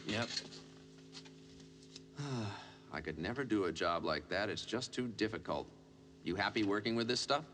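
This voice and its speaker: An actor playing a chatty, folksy older caretaker, heard in a noisy film soundtrack. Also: male voice, lowish voice, normal speed, pauses often, a bit bright, lightly acted. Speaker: building caretaker.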